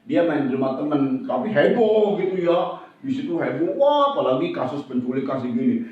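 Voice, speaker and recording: A man preaches a sermon in a high, lively voice that leaps up and down as he acts out little scenes. He sounds distant, and the sound is dull and muffled. The big hall around him rings with echo. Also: normal speed. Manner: lively, animated preaching with acted-out asides. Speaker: pastor.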